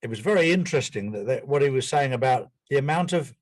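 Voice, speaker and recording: A man's voice: mid-range voice, animated, fast talker, no echo. A man joining a casual commentary chat, speaking earnestly and readily agreeing with the others.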